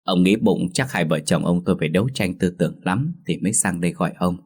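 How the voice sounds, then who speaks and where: A man narrating a scripted horror story in a steady, measured reading. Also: low voice, slightly rough.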